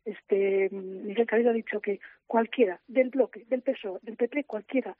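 A woman field reporter calling in live from a press conference, speaking quietly and hurriedly with frequent fillers. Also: medium pitch, no echo, phone-quality sound. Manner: hushed, hurried, many fillers and restarts. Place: city hall during a press conference. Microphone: phone.

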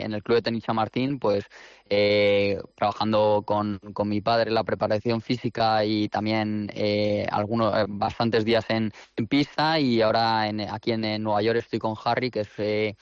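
Halting teenage young man on a dull line. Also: fairly low pitch, clean tone, dry recording. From Spain. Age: teens. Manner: halting, modest, many restarts. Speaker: guest. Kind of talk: phone interview.

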